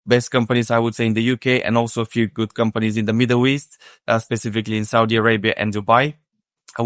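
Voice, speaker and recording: A man from Bulgaria, Bulgarian his first language, calmly answering as a podcast guest and explaining his work with many "uh" fillers. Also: medium pitch, smooth, no room sound, clean studio sound. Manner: steady, methodical, many "uh" fillers. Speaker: podcast guest, hospitality consultant. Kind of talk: casual interview answer.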